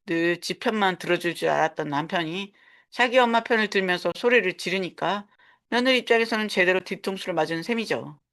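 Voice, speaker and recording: A woman in her sixties narrating a first-person story in a calm, matter-of-fact way. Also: lowish voice, a little fast. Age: 60s.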